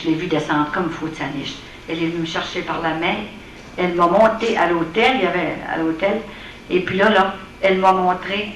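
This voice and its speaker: A woman's voice: on the low side, a bit bright. A woman with a Quebec French accent giving an earnest, plain-spoken personal testimony to an audience at a prayer evening. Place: hall at an evening gathering. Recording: echoey room, voice from far off, faint hiss.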